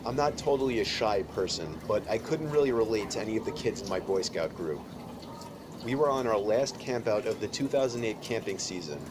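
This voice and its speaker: A man reading a scripted horror story in an even, measured way. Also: on the low side. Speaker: narrator. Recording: loud background noise. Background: loud noise.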